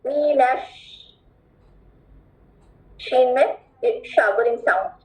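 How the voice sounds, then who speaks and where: A woman teaching Quran recitation in an online class, firm and instructive, who draws out words slowly as examples. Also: high-pitched, lively intonation, echoey room, poor audio. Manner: firm, asks students to pay attention.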